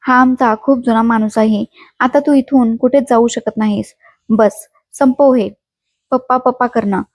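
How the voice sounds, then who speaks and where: A woman's voice: a little high, fairly even intonation, unhurried, no room sound. A woman voicing a mocking, domineering older madam. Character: scheming older woman running a brothel.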